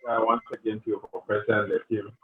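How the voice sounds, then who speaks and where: A man's voice: lowish voice, level tone, fast talker, slightly rough, soft background music. A man from Ghana, asking a hesitant question over an online call whose audio wobbles and breaks up. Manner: hesitant, many fillers. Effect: wobbly, warbling call audio that keeps breaking up. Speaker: webinar participant asking a question. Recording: thin phone-like online call line.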